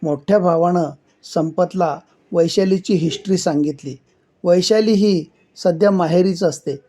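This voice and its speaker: A male story reader narrates a literary short story in a measured, expressive way. His voice sits high for a man, with a mellow, soft-edged tone.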